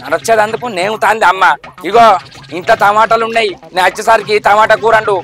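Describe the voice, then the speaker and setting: High-voiced grumbling man. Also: fairly even intonation, quick pace, a bit bright, faint music behind. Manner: grumbling, scolding, repeats his complaints. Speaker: comic actor. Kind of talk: village comedy sketch.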